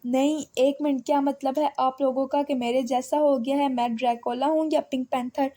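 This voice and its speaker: A woman voicing a stubborn, sharp-tongued young woman with quick retorts. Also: high voice, steady tone, close to an everyday voice.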